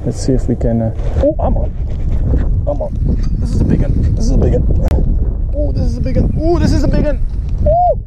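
A young man in his late teens with a South African accent, excitedly filming himself fishing from a boat, whooping and repeating himself when fish bite. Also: very high voice, brisk. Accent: South African English. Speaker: fishing vlogger. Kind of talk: excited outdoor fishing vlog. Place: outdoors on a small boat on a weedy lake. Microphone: head-mounted action camera. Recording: outdoor wind and water noise.

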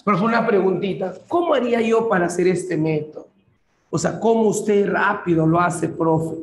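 A man's voice: high voice, normal speed, a little hiss or hum. A man voicing an exasperated student who complains and pleads with the teacher, in a whiny tone and an echoey room. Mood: pleading.

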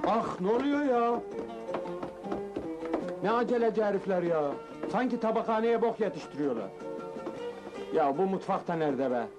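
A naive country newcomer with a high, bouncy voice and a rustic way of talking. Faint music sits under him. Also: male voice, lively intonation, normal speed, long pauses. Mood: grumbling. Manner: folksy, wailing sighs. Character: naive young man from the provinces looking for work. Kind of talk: 1970s film acting.

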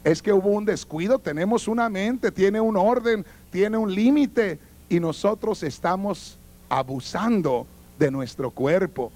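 A male pastor preaching with a notably high voice, earnest and instructive. He speaks straight to his congregation in a teaching sermon and sometimes acts out the voices he quotes. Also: a little slow, darkish tone.

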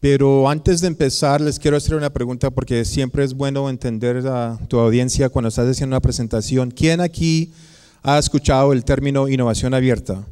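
A man's voice: mid-range voice, steady tone, brisk, mellow, smooth. A man in his forties, raised in the United States, giving a conference lecture at a podium mic with frequent hesitations and fillers. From Colombia, raised in the United States. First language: Spanish kept as heritage language, raised in English. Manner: hesitant, many filler sounds and restarts. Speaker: guest lecturer, business professor. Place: large auditorium with audience. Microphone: podium microphone. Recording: long reverb of a large hall.

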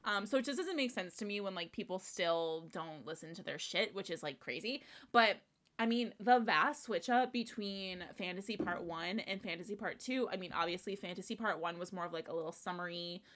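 A young woman giving casual reaction commentary on a music video, excitable and gushing, swearing casually and trailing off into restarts. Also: lowish voice, fairly quick. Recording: faint music playing behind. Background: faint music.

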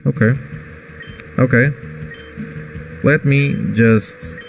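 A man's voice: medium pitch, fairly even intonation, drawn-out words, gravelly, soft background music, rough recording. Man commenting on a video game. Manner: exclaiming, self-mocking, reacting to battles. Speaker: gaming video host.

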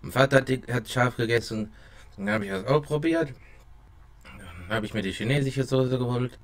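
A young man talking casually to camera at a close mic, halting, his mouth burning and watering from spicy food. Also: mid-range voice. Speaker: vlogger doing a hot chili taste test. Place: small dim room at home. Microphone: close desk microphone with pop filter.

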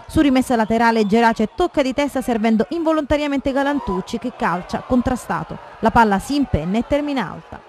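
A man reading a scripted football match report in a loud, projected delivery. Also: extremely high pitch. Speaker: football highlights narrator. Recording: noisy crowd ambience behind voice.

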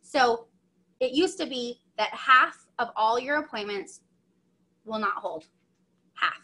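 A young woman leads a sales training over a video call, her voice a little high and very bright. She talks in a chatty, upbeat way and drifts into friendly asides. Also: slow pace. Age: young adult. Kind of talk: online training session.

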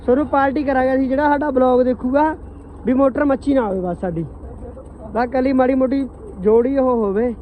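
A man's voice: very high voice, steady tone, a little fast, narrow, tinny audio. A man with a Punjabi accent chatting casually as a vlog host, in a colloquial way, often tossing questions to companions. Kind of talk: casual outdoor vlog chat with bystanders. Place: outdoors on a farm. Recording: some outdoor ambient and engine noise.

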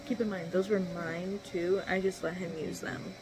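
A woman's voice: lowish voice, fairly even intonation, moderate pace, background noise. A woman in her twenties giving a casual day-recap vlog from home. She rambles with lots of "um"s, talking into a phone held at arm's length. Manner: rambling, many ums, chatty daily recap. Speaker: vlogger giving a day update. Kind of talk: casual chat. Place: home, lying on a couch and in a small room indoors.

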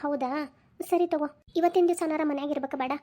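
A woman's voice: high-pitched, steady tone, fast, mellow, close to an everyday voice. A woman voicing a homesick, weepy young pregnant wife, in a Dharwad Kannada accent. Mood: worried. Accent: North Karnataka (Dharwad) Kannada. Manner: weepy, plaintive.

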